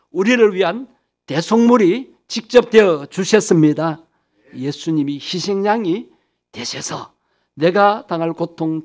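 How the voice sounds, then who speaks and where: High-voiced Korean pastor preaching. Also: male voice. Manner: asks the congregation questions and answers them himself. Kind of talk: sermon.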